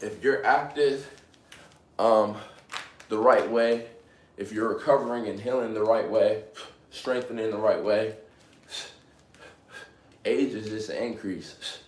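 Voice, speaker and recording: Speaking slowly with frequent pauses, a young man in his late twenties keeps a steady, low tone during a casual live stream chat. Encouraging lines come up more than once, as do "you know what I mean" and "you know what I'm saying." There's a noticeable echo in the room and slight background noise.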